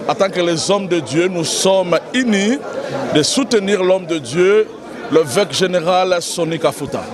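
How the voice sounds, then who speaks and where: A young man, a pastor from Canada, answering press questions in a halting way. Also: sits high, animated, a crowd in the background. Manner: halting, repeats words. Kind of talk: interview with press.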